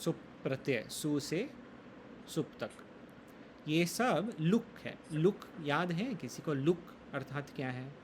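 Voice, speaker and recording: A man teaching a Sanskrit grammar lesson, explaining rules slowly, reciting sutras and quizzing his students. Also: fairly high pitch, animated, a little hiss or hum. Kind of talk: classroom lesson in Hindi.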